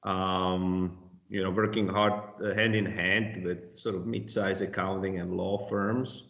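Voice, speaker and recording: A man in his forties with a very low voice, born in Slovakia, who talks with a halting rhythm full of ums and restarts. His voice comes through a muffled, roomy connection. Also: level tone, creaky, fairly bright tone. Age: 40s. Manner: hesitant, many fillers and restarts. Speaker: compliance consultant, guest. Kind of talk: casual interview talk. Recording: muffled, roomy remote audio.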